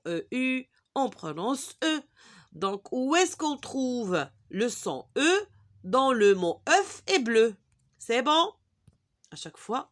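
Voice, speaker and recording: Slow, lively-voiced woman teaching phonics. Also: fairly high pitch. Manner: drawn-out words repeated for children to echo; encouraging praise. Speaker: reading teacher. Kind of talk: slow phonics lesson for young children.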